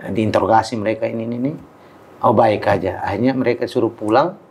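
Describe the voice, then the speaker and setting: A man's voice: lowish voice, fast talker, darkish tone, a little hiss or hum. A man from Timor, an Islamic preacher, telling his life story in a casual interview, acting out quoted dialogue and laughing often.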